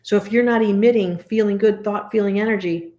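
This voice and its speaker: A woman's voice: medium pitch, steady tone, a little fast, dark tone. A middle-aged woman coaching viewers in a direct, emphatic talk that repeats points for emphasis. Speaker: leadership coach.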